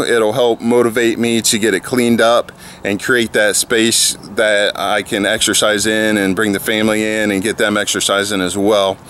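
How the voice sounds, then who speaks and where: A man's voice: medium pitch, slight background noise. A man in his thirties chatting casually in a vlog, filmed on a handheld camera outside his house and in his garage. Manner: relaxed, rambling with fillers. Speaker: fitness vlogger. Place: outdoors by a house, then a garage. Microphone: handheld camera at arm's length.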